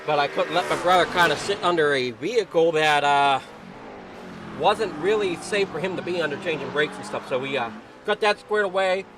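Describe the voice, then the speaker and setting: A man's voice: a little high, normal speed, noisy background. A man commentating an online sim race broadcast, casual and a little out of breath, running through the starting grid. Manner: casual, apologetic, slightly rambling.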